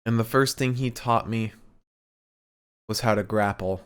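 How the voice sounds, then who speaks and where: A man's voice: on the low side, a little slow, clear, resonant tone. A man on a podcast reading comedic fan fiction aloud, breaking into laughter as he goes. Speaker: podcast co-host.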